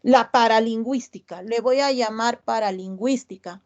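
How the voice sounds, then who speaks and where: A woman's voice: fairly high pitch, normal speed, darkish tone, highs cut off. A middle-aged woman, teaching an online class and explaining terms step by step while asking her students questions.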